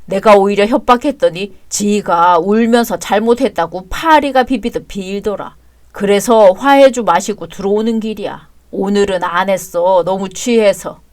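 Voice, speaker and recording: A woman's voice: medium pitch, moderate pace, dry recording, clean studio sound, natural voice. A woman voicing a crude, drunken, boastful husband in a dramatized story reading, with a drawling, taunting delivery.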